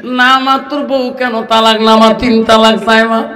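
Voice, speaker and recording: A man's voice: very high voice, little pitch movement, normal speed, bright, forceful tone, in a large hall. A male preacher telling a sermon story in a half-sung, tearful chant and acting out each figure in it.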